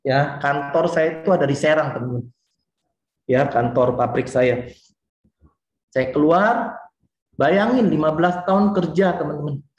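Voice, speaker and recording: A man in his forties from Indonesia giving a lively, chatty motivational talk and speaking straight to his listeners. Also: a little high, measured pace, long pauses, reverberant, lo-fi sound. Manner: lively and chatty, often addresses the listeners directly.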